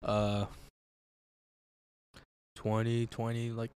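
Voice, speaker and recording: A man co-hosting a podcast, telling a rambling, profanity-filled story in casual chat, saying bro and dude constantly and bursting into loud reactions. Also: mid-range voice, very slow, clear, resonant tone. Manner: animated, jumps into loud acted-out reactions. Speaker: podcast co-host.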